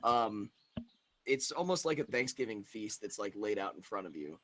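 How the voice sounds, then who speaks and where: Young guy game master, lively up-and-down voice, bright tone, talks loose. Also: lowish voice, moderate pace. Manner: loose, chatty, laughs often. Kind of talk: narrating a tabletop game.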